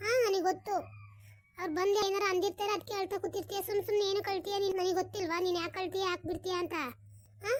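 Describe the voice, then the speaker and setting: A woman voicing a caring but scolding elder sister-in-law in a village cartoon, firing rapid nagging questions. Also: very high voice, level tone. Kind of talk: cartoon voice acting.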